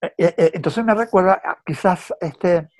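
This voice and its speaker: A man's voice: high-pitched, normal speed. A man with a Venezuelan accent in casual film chat, hesitant and repeating words as he tells stories.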